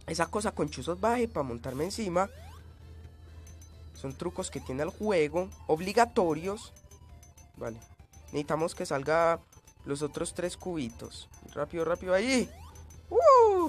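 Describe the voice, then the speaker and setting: A man giving gameplay commentary, coughing and sounding changed by a cold, yelping and screaming at in-game hazards. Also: a little high. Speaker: let's play gamer.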